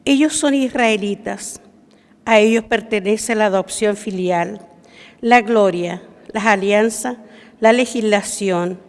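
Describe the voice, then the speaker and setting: A woman's voice: medium pitch, darkish tone. A woman gives a solemn scripture reading as a lector at Mass in a church. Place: large church. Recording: long church reverb.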